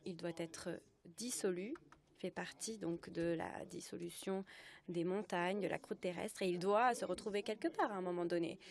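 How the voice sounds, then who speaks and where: A woman working as a simultaneous interpreter, giving a live spoken translation of a lecture in halting phrases with self-corrections. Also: on the low side, gravelly.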